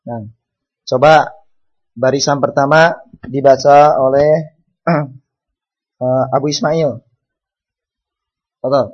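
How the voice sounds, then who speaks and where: Guy teaching arabic, slow and patient, kinda husky, dull lo-fi sound. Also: medium pitch, fairly even intonation. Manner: slow, patient, repeats words and meanings. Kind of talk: online class lesson, calling on students.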